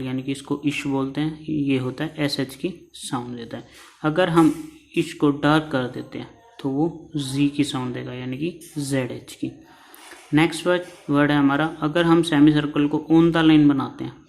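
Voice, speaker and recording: A man's voice: fairly high pitch, a little mellow, rough recording. A man teaching a shorthand class who explains step by step and repeats each key term. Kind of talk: classroom lesson.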